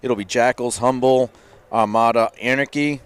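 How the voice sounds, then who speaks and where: A man giving live paintball commentary in a relaxed way, with many fillers and restarts. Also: mid-range voice, normal speed, clear, resonant tone.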